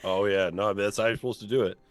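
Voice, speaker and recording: A man's voice: on the low side, fairly even intonation, rapid-fire, no echo. A man acting as game master of a tabletop role-playing game, talking casually as he narrates and rules on play.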